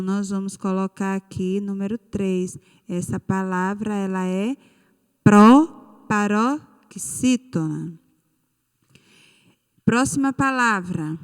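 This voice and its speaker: Brazilian lady teacher talking slow to kids, drags out words, reverb-y room. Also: medium pitch, smooth. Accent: Brazilian Portuguese. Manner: slow, patient, stretches out key words. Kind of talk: recorded online class for children.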